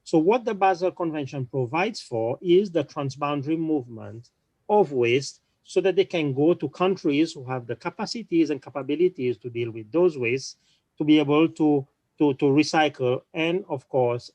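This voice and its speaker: A man speaking on a conference panel, explaining at a measured pace and often restarting his sentences. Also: on the high side, a little mellow, dry recording, poor audio. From small island nation.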